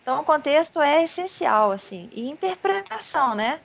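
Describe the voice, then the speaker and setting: Brazilian woman teaching English online, higher voice. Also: very animated, creaky, faint music behind. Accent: Brazilian Portuguese. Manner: patient, explanatory, models pronunciation slowly. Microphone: video call. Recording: video call with faint background noise.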